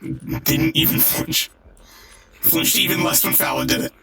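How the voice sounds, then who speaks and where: A man streamer in casual chat, teasing his friends in a drawling way. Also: measured pace. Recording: noisy room background.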